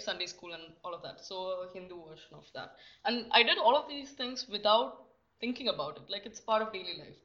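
A young woman chats on a podcast, candid and self-deprecating, tripping over restarts. Her voice is bright and crisp at the top. The recording is a little dull and lo-fi. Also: medium pitch. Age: young adult. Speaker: guest. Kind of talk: casual podcast chat. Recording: slightly muffled lo-fi recording.

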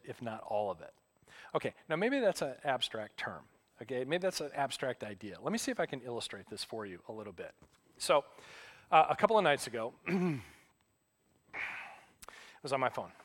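A middle-aged man preaching as a pastor, telling stories in a relaxed, self-deprecating way. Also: mid-range voice. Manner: conversational, self-deprecating storytelling. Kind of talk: sermon.

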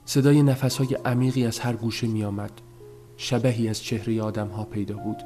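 A man with a fairly low voice reads a story aloud as an audiobook. His telling is measured and subdued, and soft music plays faintly underneath. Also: fairly even intonation. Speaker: narrator. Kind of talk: audiobook narration.

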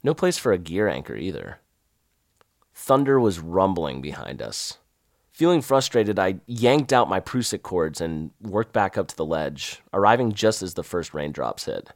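Man, Southern accent, storyteller, lowish voice, very animated delivery, dry close sound. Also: unhurried, no echo. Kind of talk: first-person story narration.

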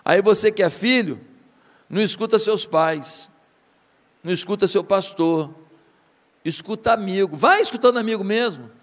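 A man's voice: sits high, normal speed, pauses often, big-room sound. A man with a Brazilian Portuguese accent preaching a sermon, retelling a story dramatically and firing rhetorical questions at the congregation. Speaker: pastor.

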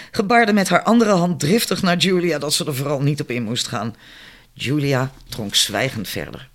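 A man reads a novel aloud in calm, scripted narration. His voice sits a little higher than most men's. He keeps an even storytelling pace. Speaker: audiobook narrator.

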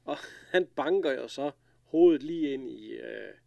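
A man casually recapping an episode, retelling scenes with lively quoted lines and laughter. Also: mid-range voice, vocal fry. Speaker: podcast co-host recapping an episode. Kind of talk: casual chat.

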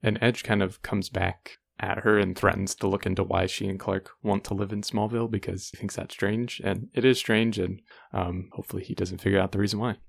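Male podcast co-host, low gravelly voice, relaxed episode-recap chat. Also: a little fast, hardly any pauses. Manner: relaxed, recaps plot with fillers.

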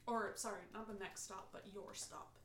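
A woman's voice: medium pitch, steady tone, normal speed, a bit bright, a little hiss or hum. A woman running a tabletop game as game master, narrating in a chatty way with laughing asides. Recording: roomy echoey mic.

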